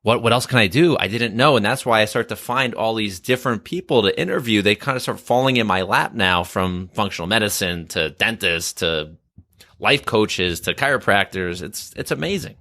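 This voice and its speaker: A man's voice: lowish voice, lively intonation, normal speed, pushed and bright, no room sound, clean studio sound. A man hosting a podcast in casual chat, agreeable and searching for his words. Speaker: podcast host.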